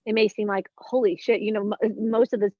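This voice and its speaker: Appearing as a guest, a fifty-year-old woman thinks aloud in a casual spiritual conversation, earnest and searching, circling back over her words. Her medium-pitched voice is flat and a little fast. The dry recording is dull and lo-fi, with no echo.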